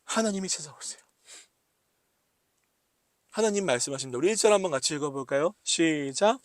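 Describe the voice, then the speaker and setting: A man's voice: on the high side, expressive, brisk, no room sound. A male pastor preaching a sermon, asking the congregation questions and acting out prayers. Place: church sanctuary.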